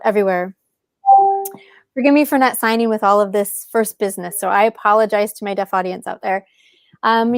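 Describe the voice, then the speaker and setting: A woman's voice: mid-range voice, no echo. Female podcast host, enthusiastic live welcome, dry close recording. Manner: enthusiastic, greets viewers by name. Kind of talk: livestream conference welcome.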